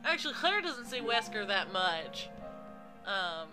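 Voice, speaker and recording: A woman's voice: mid-range voice, big pitch swings, measured pace, loud music behind the voice. A woman hosting a let's play, chatting casually and giggling as she gushes about the game. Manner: giggly, gushing fan chatter. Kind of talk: casual gameplay commentary.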